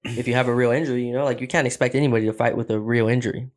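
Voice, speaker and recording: A man's voice: medium pitch, fairly even intonation, very fast. A man with a mid-range voice co-hosting a sports podcast, blunt and sure of his views. He pushes his points hard in loose, casual talk. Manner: emphatic and opinionated, blunt. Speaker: podcast co-host.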